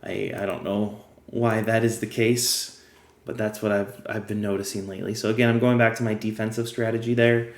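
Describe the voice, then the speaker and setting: A man with a slightly low voice that is wearing thin, as he says himself. He talks casually and explains the rules step by step while he plays. The room gives his voice a noticeable echo. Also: flat delivery, normal speed. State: losing his voice. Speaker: game guide creator. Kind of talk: casual gameplay tutorial.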